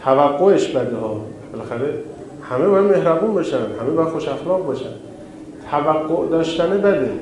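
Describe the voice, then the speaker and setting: A man's voice: a little high, a little mellow, slight background noise. A man preaching a sermon in a conversational way, pushing his voice up on the key phrases. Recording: very echoey hall, faint ambience.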